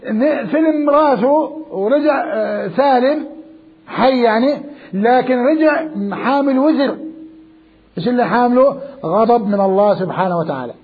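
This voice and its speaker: A man teaches a Quran commentary class in a notably high, husky voice. He is emphatic and drives his points home by repeating words and asking rhetorical questions. The recording sounds dull and lo-fi. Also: moderate pace, pauses often. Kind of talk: classroom lecture.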